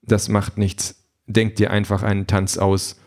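A composed, literal android politician, read by a man in an audiobook. The voice sits low and speaks in flat, even statements. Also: a little slow. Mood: calm. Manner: flat, matter-of-fact delivery.

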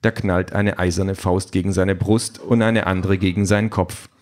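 A man narrating a story in an even, measured reading voice. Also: sits low.

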